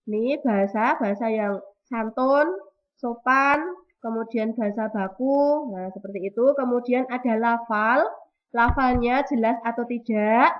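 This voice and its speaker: A woman teacher giving an online class lesson over a video call, explaining slowly and repeating key terms. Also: a little high. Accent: Indonesian. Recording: dull lo-fi audio with clear noise.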